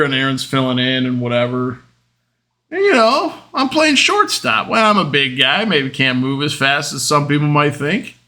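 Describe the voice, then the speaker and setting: A man hosting a podcast, telling casual stories in a rambling way, full of fillers, getting loud and animated when he retells arguments. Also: medium pitch. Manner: rambling, with many fillers like "um" and "whatever". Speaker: podcast host. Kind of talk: casual storytelling monologue.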